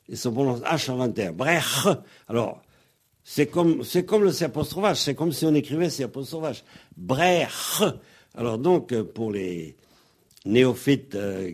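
A man on the radio patiently explaining pronunciation like a teacher, spelling out letters and pausing on fillers. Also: medium pitch, darkish tone, slightly rough. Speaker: guest explaining Breton pronunciation.

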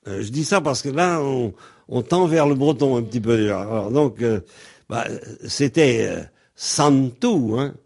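A man explains pronunciation at a slow, unhurried pace, pausing often on ums and restarts. He spells words out letter by letter like a patient teacher. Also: mid-range voice, lively intonation, a little mellow. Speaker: Breton language teacher.

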